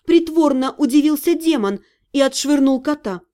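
A woman's voice: high voice, lively intonation, moderate pace, dark tone. A woman narrating a first-person fantasy story with a wry tone. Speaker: audiobook narrator.

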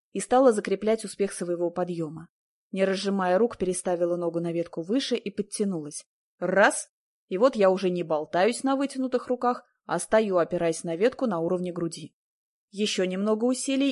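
A woman narrating a first-person story as an audiobook in an expressive, steady way. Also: medium pitch.

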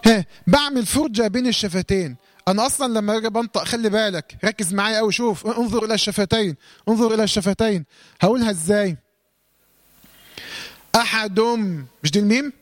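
A man's voice: high-pitched, rapid-fire. A man with an Egyptian accent teaching Quran recitation rules, asking questions and answering them himself. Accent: Egyptian Arabic. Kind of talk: tajweed lesson.

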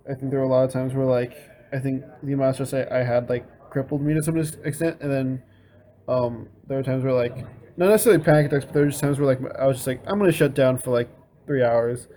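A young college student answering an interview casually, rambling with lots of fillers. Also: male voice, mid-range voice, fairly even intonation, quick pace, warm tone, a little hiss or hum. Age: young adult.

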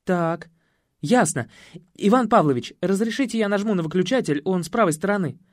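A man voicing a fussy, apologetic male secretary in an audiobook, talking quickly and anxiously. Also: sits high, animated, no echo, clean studio sound. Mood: flustered. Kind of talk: audiobook character voice.

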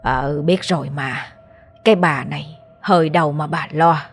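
A woman with a Southern Vietnamese accent voicing a tired, stubborn old male exorcist who talks gruffly and low-key. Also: moderate pace, soft background music. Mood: weary.

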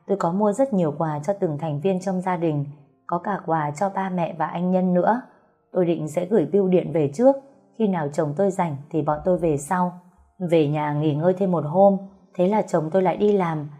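A woman reading a first-person story aloud, softly, voicing the dialogue now and then. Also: fairly low pitch. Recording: faint music behind.

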